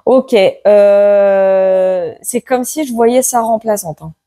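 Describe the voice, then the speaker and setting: A woman reading tarot cards aloud to her viewers in a casual chat, tagging her sentences with "hein" and bursting into loud exclamations. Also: medium pitch, slow pace, dry recording, studio quality. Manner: excitable, exclaims loudly, many "hein" tags. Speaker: tarot card reader. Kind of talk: casual card-reading video.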